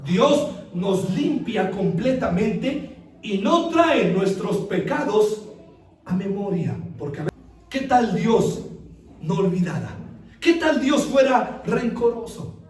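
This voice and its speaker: High-voiced pastor in an echoey church. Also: male voice, takes it slowly. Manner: animated storyteller, audience laughing along. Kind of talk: sermon with humorous personal anecdote. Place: church hall. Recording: echoey church from far off with congregation.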